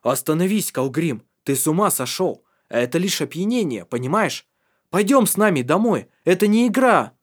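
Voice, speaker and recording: A man reading an audiobook, voicing a calm, serious young man who speaks persuasively. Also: on the high side, normal speed, pitched above the performer's own voice. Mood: pleading, earnest.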